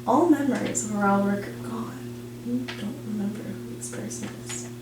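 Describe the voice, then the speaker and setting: A woman narrating as game master in a tabletop game, in plain, unhurried narration. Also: medium pitch. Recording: roomy, distant mic, noisy.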